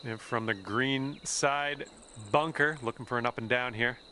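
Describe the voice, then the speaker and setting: A man's voice: mid-range voice, unhurried, pushed and bright, a little hiss or hum. A man playing an upbeat, easygoing golf commentator in a video game, calling shots conversationally with exclamations. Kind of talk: sports commentary.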